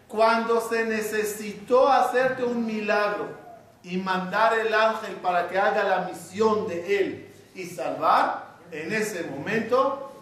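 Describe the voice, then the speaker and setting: A man's voice: high voice, a bit bright, far from the mic, slight background noise. Rabbi guy giving a class in a big echoey hall, quizzes the crowd then answers himself, mic way off. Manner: questions the audience and answers himself. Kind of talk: religious class to a live audience. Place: large hall with an audience.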